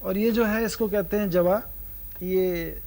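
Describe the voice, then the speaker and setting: A man from North India teaches the sarod to a class, speaking in a high, lively voice. He keeps asking his students questions and sings the note syllables aloud to show the scale. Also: takes it slowly, slight background noise. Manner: asks the audience questions, sings sargam syllables. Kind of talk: lecture-demonstration to students.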